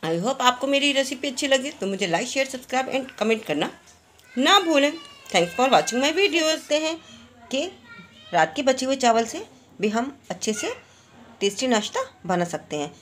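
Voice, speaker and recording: A woman's voice: sits high, animated, normal speed, fairly bright tone. Woman hosting a cooking channel, narrating a recipe from her home kitchen, friendly, step by step, faint hiss behind. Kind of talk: recipe voice-over.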